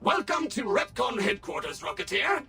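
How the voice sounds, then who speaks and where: Brief: slick android guide for a game, high, gravelly edge, servile and scripted. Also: male voice, sing-song, moderate pace, bright, forceful tone, faint music behind, full character voice. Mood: chipper. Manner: courteous, eager-to-serve, scripted. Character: smooth, overly polite male robot tour guide. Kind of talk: video game voice acting.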